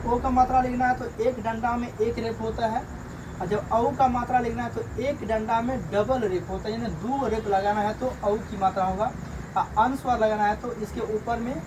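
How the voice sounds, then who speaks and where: A man, a teacher slowly drilling beginners through letters and sounds in a reading lesson, repeating each one. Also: extremely high pitch. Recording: distant mic, loud crickets and traffic.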